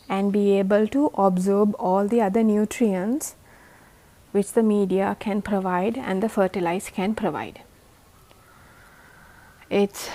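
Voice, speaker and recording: Tired Sri woman hosting a gardening tutorial, slow and mellow delivery. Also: mid-range voice. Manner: patient, step-by-step explaining. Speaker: host of a plant-growing channel.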